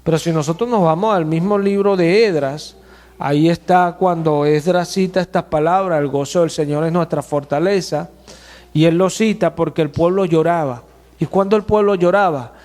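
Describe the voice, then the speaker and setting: A man preaching a sermon as pastor, emphatic and slowing to stress key words, in a church. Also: a little high, a little mellow. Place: church hall. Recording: long church hall reverb.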